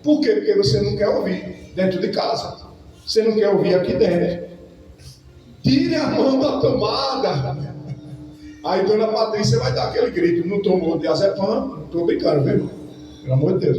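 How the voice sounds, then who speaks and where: A pastor preaching a lively sermon to his congregation, swinging between loud calls and quiet asides. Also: high voice, fast. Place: church hall. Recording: echoey hall, distant mic, faint music.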